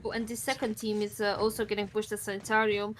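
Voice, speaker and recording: A woman's voice: mid-range voice, flat delivery, quick pace, slight background noise. A woman giving color commentary on an esports match, recovering from illness and talking in a chatty way full of fillers. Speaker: esports co-caster.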